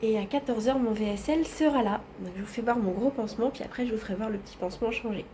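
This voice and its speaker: A woman chats straight to her viewers in a casual vlog, talking into a phone she holds herself in a hospital room. Her voice sits a little high but sounds mellow and soft, with faint noise in the background. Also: fast talker. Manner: chatty, addresses viewers directly. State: tired after anesthesia. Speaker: vlogger. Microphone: phone held in hand.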